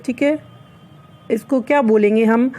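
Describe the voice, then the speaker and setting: Female English tutor, young, slightly high voice, slow read-outs followed by chatty explanations. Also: fairly even intonation, dark tone, poor audio. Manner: reads English facts slowly, then explains chattily. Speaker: English teacher. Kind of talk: explanatory lesson mixing Hindi and English.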